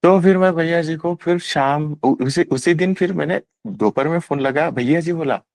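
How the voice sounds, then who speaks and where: A man casually retelling a personal spiritual experience at a gathering, animated, quoting dialogue and laughing. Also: on the high side, moderate pace, gravelly, no echo, clean studio sound. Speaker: devotee sharing a personal experience. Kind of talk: casual satsang storytelling.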